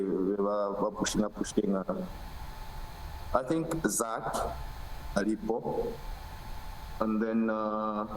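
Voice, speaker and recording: A man's voice: on the low side, roomy sound, recorded from a distance, slight background noise, poor audio. A Zambian man answering as an interview guest in casual chat, hesitant with many fillers, mixing in local words. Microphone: video call.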